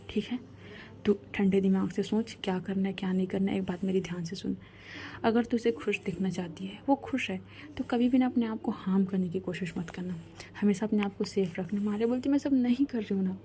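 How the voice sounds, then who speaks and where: A woman storyteller, telling a love story casually in a soft, half-whispered voice with chatty asides. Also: medium pitch, fairly even intonation, a little fast.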